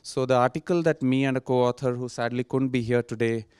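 Casting note: man, articulate co-author, very crisp resonant voice, dry close sound. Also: medium pitch, fairly even intonation, brisk, a little mellow, no room sound. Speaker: book co-author. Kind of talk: self-introduction at book launch. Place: seminar room. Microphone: handheld mic.

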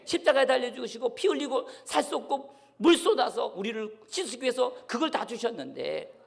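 A man's voice: very high-pitched, expressive, moderate pace, creaky. A man pastor preaching a sermon, often calling out to the congregation for responses. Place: church sanctuary. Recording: long hall reverb from a church.

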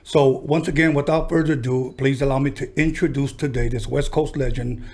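A man's voice: medium pitch, fairly even intonation, brisk, a little mellow. A man in his forties hosting a podcast in a small indoor studio, talking into a desk mic in an easygoing way, hyping up his guest. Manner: easygoing, hyped introductions. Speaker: podcast host. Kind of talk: casual interview chat. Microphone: desk mic on a stand.

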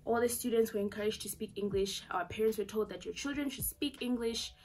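Faint music and rough audio accompany a young vlogger with a Zambian accent whose voice is a little high, a little fast and darkish. Facing a camera at desk distance in her small bedroom, she tells a personal story casually, full of fillers and side remarks.

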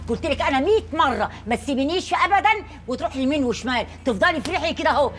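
An actress with an Egyptian accent playing a fiercely protective, sharp-tongued mother in a TV drama. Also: high-pitched, lively intonation, racing. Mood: scolding. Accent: Egyptian Arabic. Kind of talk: TV drama acting.

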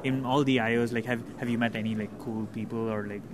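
A man's voice: mid-range voice, fairly even intonation, fast talker, noisy background. A man hosting a podcast, casually interviewing developers at a conference, laughing often and using many fillers. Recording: crowd chatter behind.

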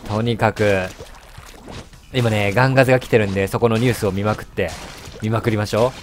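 A man's voice: fairly low pitch, steady tone, quick pace, a little hiss or hum. Chatty man with a Hiroshima accent. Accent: Hiroshima dialect. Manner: chatty, laughs often, thinks aloud. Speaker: game commentator. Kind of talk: casual game commentary.

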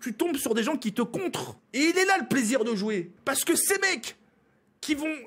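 A man's voice: very high voice, big pitch swings, moderate pace, a bit bright. A man from France streaming a game, ranting at his viewers with exasperation, swearing and stumbling over his words. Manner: exasperated, swearing, stammering restarts.

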